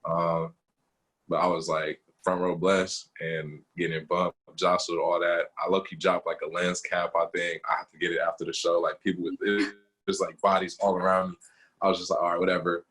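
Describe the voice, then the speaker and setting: A young man with a deep, husky voice talks casually as an interview guest. He tells stories with lots of "like" and "um", and he lifts his voice as his stories get going. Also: normal speed, poor audio. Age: young adult. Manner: animated storytelling with lots of fillers. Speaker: guest photographer.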